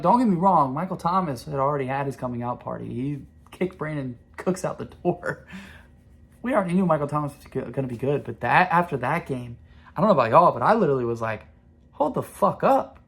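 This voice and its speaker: Gravelly young man ranting about football. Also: a little high. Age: 20s. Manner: rambling, profane, excitable. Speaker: podcast host. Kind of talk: casual sports chat.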